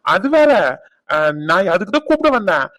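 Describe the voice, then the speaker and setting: In this cartoon voice-acting clip, a man plays a playful young guy who mocks and teases his friends, laughing often. His voice is high and very animated at a moderate pace, slightly bright, with clean studio quality and no room sound.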